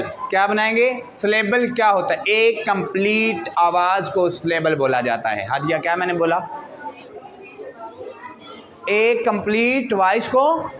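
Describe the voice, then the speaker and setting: Male teacher questioning a noisy class. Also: high voice. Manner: asks the class many questions, calls students "beta". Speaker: English teacher. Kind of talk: classroom lecture. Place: school classroom. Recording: noisy classroom with crowd chatter.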